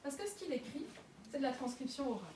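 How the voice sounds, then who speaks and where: A woman's voice: high voice, very animated, fast, darkish tone. A young woman giving a public lecture in a museum, talking with many fillers and restarts. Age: young adult. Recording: echoey room, mic far off, noisy.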